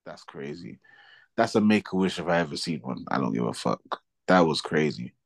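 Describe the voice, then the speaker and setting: A man with a very deep voice trades short, blunt retorts in a casual football chat. He teases his co-hosts and keeps it brief. The mic is close and dry. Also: big pitch swings, moderate pace, creaky, no room sound. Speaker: podcast co-host.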